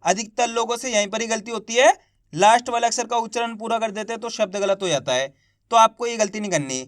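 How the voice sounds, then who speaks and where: Male reading teacher, high-pitched, slow drilling delivery, dead-dry close recording. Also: no echo. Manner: spells out syllables and drills the viewer to repeat. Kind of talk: slow, patient teaching for beginners.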